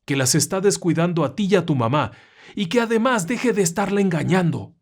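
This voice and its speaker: A man puts on a grieving grandfather ghost from a spoken horror story, pitched a little above his own voice, slow and pleading. The ghost scolds with sorrow rather than rage, in drawn-out, heavy phrases. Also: animated. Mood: sorrowful reproach.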